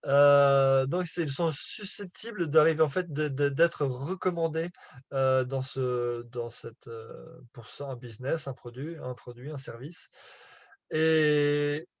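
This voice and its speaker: A man's voice: a little high, no echo. A man giving a live online business lesson in French, hesitant with many fillers and restarts, apologizing for his rusty French. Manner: apologetic about his French, laughs at himself. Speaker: business coach presenting slides.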